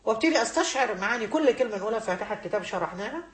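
Rapid-fire Egyptian woman teaching religion. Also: on the high side, lively intonation, reverberant. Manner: emphatic, repeats key phrases. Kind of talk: religious lesson to women.

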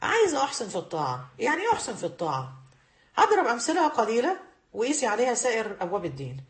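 A woman's voice: fairly high pitch, huge pitch swings, rapid-fire, reverberant. A woman with an Egyptian accent giving a religious lesson to women, emphatic and repeating key phrases to drive them home. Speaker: religious teacher.

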